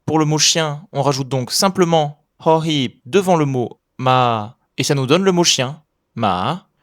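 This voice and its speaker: A man explains a language lesson in a clear, steady, upbeat way, as if reading a prepared script. His voice sits a little higher than most men's. The sound is close and dry, with no room around it. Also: unhurried, no echo. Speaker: language teacher.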